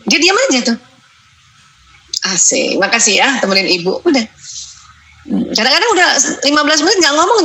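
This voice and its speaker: Bright-voiced woman giving a lively parenting talk. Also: on the high side, poor audio. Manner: animated, acts out mother and child in quotes. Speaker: parenting speaker.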